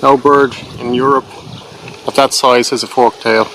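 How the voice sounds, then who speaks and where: A man's voice: mid-range voice, fairly even intonation, normal speed, a bit bright. Man narrating nature documentary, noisy recording. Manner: explanatory, informal, addressing viewers. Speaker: wildlife video presenter. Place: mostly outdoors in nature.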